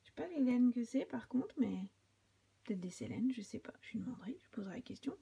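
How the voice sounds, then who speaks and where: A woman's voice: a little high, lively intonation, brisk, gravelly, mellow, breathy edge, highs cut off. A middle-aged French woman hosting a podcast, chatting casually as she unboxes a parcel, often half-whispering and gushing. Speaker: podcast host.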